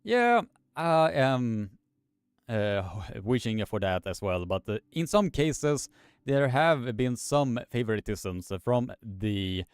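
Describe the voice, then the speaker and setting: A man's voice: medium pitch, very animated, slow, clean tone, dry recording, clean studio sound. A man hosting a live stream, reading chat comments aloud in a hesitant way, with many filler sounds.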